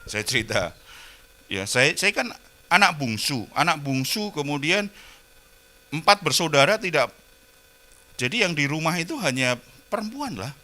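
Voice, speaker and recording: A middle-aged male pastor delivers a sermon in a strikingly bright, ringing voice. He talks like a storyteller, climbing to loud emphatic peaks and then dropping into quiet, confiding asides. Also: on the high side, big pitch swings, moderate pace, long pauses.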